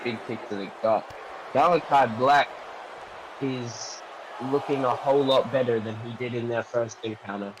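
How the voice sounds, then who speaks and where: A man works as a wrestling commentator, with a mid-pitched voice. He calls moves in a dramatic, excitable play-by-play style, often posing questions. The recording is noisy, with clear ambient sound behind him. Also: moderate pace.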